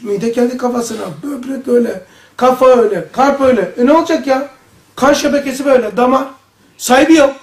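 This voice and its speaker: A man teaching a religious study circle, talking in an animated way with exclamations and rhetorical questions. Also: extremely high pitch. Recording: echoey room, voice from a distance.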